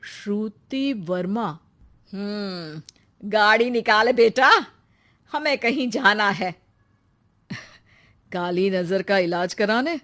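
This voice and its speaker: A woman voicing a wise, patient older mother in an animated story, coaxing and deliberate. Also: medium pitch. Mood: knowing.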